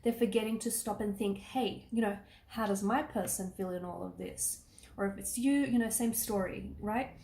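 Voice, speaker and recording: A woman's voice: mid-range voice, moderate pace, mellow, echoey room. A woman giving a casual tarot reading, talking earnestly and reassuringly with lots of "you know" and "okay", her voice a little worn. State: losing her voice. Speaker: tarot reader.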